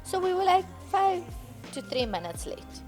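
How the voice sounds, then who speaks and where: A woman's voice: extremely high pitch, sing-song, moderate pace, soft background music. A woman co-hosting a casual podcast chat, a mother who talks animatedly and laughs often while telling stories. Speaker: podcast co-host.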